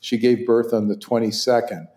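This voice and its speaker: Speaking at a normal pace in a mid-range voice, this interview guest is a man in his sixties whose first language is Hebrew and who works as an orthopedic surgeon. His conversational storytelling is animated, with frequent laughter and many restarts, captured with a roomy sound.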